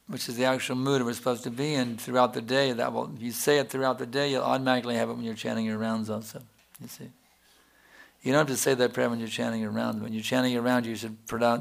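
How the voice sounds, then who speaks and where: A man's voice: medium pitch, level tone, fast talker, gravelly. A man teaching as a spiritual teacher in a devotional question-and-answer talk, explaining patiently and chanting examples.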